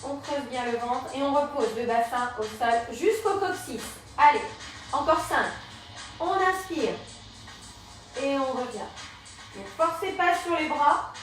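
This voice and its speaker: A woman instructor with a high, expressive, unhurried voice leads a live Pilates and yoga class, cueing breaths and movements step by step. The room is very echoey, the mic is far off, and music plays behind her.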